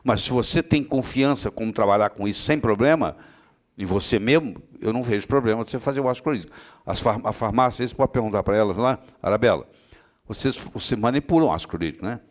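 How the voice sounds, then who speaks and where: A man's voice: lowish voice, quick pace. A man giving a medical lecture to students, answering their questions with everyday analogies and often checking that they understand. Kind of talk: classroom lecture with Q&A.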